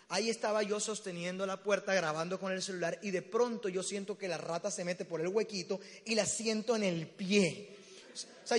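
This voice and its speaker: A young man, preaching and telling a story with acted-out voices and sudden shouts. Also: high voice. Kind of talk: storytelling sermon. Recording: reverberant hall.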